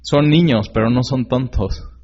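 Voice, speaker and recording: A man's voice: mid-range voice, a little slow, darkish tone, breathy edge. A man preaching a sermon in an earnest, conversational way, often asking the listener direct questions. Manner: conversational, with many fillers and tag questions. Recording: slightly dull lo-fi recording.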